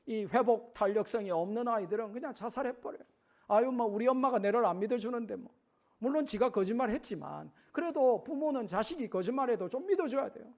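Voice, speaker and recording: Middle-aged man, pastor, revival sermon, emphatic, high voice, gravelly tone, church sanctuary. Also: a little mellow. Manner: emphatic, acts out little dialogues with children.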